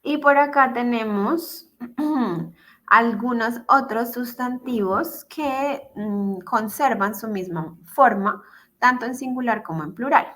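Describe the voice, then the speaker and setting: A woman teaching English over a video call, with a bright, clear, forward tone. She explains patiently and steadily, reading each example aloud before breaking it down. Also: on the high side, takes it slowly. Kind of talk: online class explanation.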